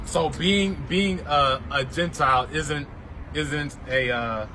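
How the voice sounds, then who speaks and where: A man's voice: on the high side, slow pace, bright, forceful tone, low-quality recording. A man preaching and teaching from the Bible outdoors, repeating himself and tagging "right?" onto his points. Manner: repetitive, keeps asking "right?". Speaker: street preacher. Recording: outdoor traffic noise.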